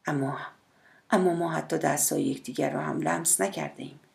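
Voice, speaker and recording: A woman narrator voicing a shy, hesitant middle-aged male cellist who speaks in a hushed, timid way in an audiobook. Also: low-pitched, vocal fry. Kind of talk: audiobook character voice.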